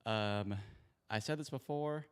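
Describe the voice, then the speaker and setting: A man with a mid-range, clear, resonant voice speaks slowly while hosting a sports show. The livestream is casual, his talk rambling and apologetic, picked up by a spare handheld mic in an echoey garage at home.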